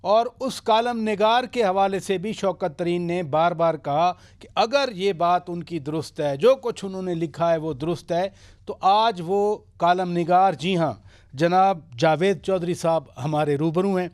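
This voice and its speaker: A middle-aged man with a Pakistani Urdu accent, hosting a formal current-affairs talk show with a brisk anchor delivery and probing questions. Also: sits high, a little mellow.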